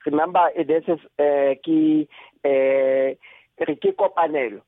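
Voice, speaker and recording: Male radio guest, South African Setswana accent, fairly high voice, hesitant phrasing, dry phone-like sound. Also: fairly even intonation, no room sound. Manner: hesitant, frequent pauses. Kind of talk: radio discussion, mixing languages. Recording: narrow phone-like line.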